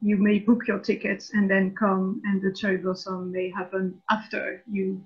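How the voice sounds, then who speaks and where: A woman's voice: mid-range voice, flat delivery, moderate pace, breathy edge. A woman from France, editor-in-chief, explaining her views at length in a casual online panel discussion. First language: French. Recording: dull lo-fi online call audio.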